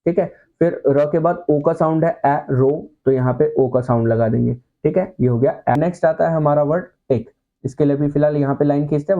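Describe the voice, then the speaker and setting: A man's voice: fairly high pitch, mellow, muffled recording. A man teaching an online class, patiently walking through words and often checking that his students are following. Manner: casual and reassuring, mixes in English words. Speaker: shorthand teacher.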